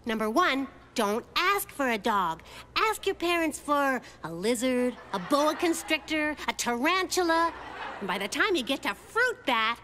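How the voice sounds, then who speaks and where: Little Lulu, bright high-pitched cartoon girl. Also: big pitch swings, measured pace, a little hiss or hum, heavily acted. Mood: cheeky, presenting. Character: confident, quick-witted little cartoon girl. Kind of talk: cartoon voice acting.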